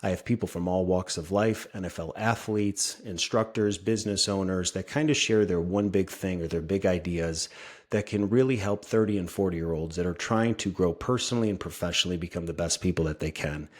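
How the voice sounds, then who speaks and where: Male podcast host, thirties, low voice, upbeat and chatty, casual interview tone. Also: fairly quick. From upstate New York. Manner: enthusiastic, chatty with fillers.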